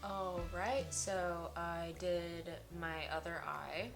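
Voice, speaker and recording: Woman, low voice, casual beauty vlogger, step-by-step makeup narration, music playing behind. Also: fairly even intonation, slow pace, creaky.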